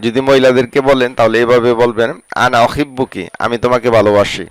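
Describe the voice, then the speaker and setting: A man teaching a word-by-word language lesson, slowly repeating each word and its meaning. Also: medium pitch, fairly even intonation, clean tone, no room sound, poor audio. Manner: slow, repetitive drilling of words and their meanings.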